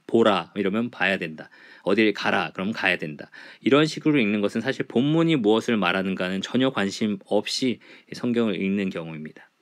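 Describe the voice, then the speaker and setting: A middle-aged man lecturing a church Bible class, explaining point by point with frequent fillers. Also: lowish voice. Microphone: writes on a board while teaching.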